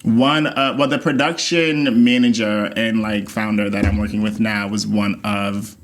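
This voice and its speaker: A man from the Bahamas co-hosting a podcast with his partner, chatting casually in a playful, animated way. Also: lowish voice, unhurried. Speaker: podcast co-host. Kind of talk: casual chat.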